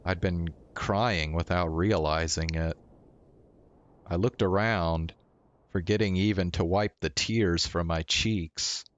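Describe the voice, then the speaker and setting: A man streaming a visual novel, reading its narration aloud in a slow, even way. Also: low voice, lo-fi sound.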